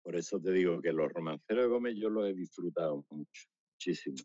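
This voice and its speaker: A man, a romancero performer telling anecdotes in a chatty, animated way and laughing often. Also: low voice, fast, no echo. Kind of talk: casual interview storytelling. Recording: slightly dull, dry radio recording.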